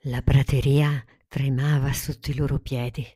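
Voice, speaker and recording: Low-voiced woman reading a bedtime story. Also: level tone, moderate pace, husky. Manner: gentle, soothing, dropping to a hush in tense moments. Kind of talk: scripted storybook narration.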